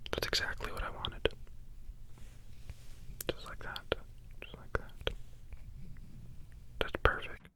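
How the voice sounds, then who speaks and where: A person giving hushed ASMR commentary while carving soap, whispering in an unhurried murmur and softly repeating words. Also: low-quality recording.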